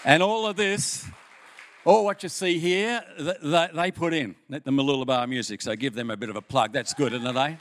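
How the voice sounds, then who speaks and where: A man's voice: a little high, a faint crowd, a little hiss or hum. Older Australian man preaching a sermon. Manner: folksy storytelling, lively with pauses. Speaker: pastor. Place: church hall.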